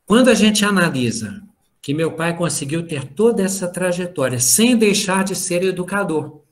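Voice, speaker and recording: A middle-aged man whose voice sits high speaks expressively at a moderate pace, giving a casual spiritual talk over a video call. As a spiritist study group lecturer, he tells stories about his family and acts out their exchanges.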